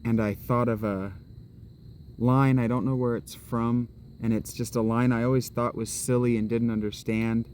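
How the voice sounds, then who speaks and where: Here a man with a mid-range, darkish voice speaks at normal speed in a level tone, with a little hiss or hum on the recording. He's a vlogger holding his camera as he walks in public, musing aloud in a rambling way and restarting his sentences.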